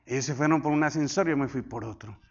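A male pastor preaching a sermon, swinging from loud declarations to hushed asides and having the congregation repeat after him. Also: mid-range voice, fast talker, highs cut off.

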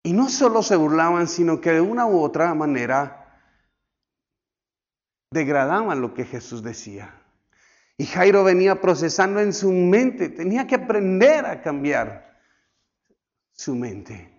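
Male pastor preaching, high voice, goes loud then drops to a hush, acts out the people in the story. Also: sing-song, measured pace, pauses often, dull audio. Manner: dramatic, swings from loud to hushed, acts out quoted voices. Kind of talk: sermon.

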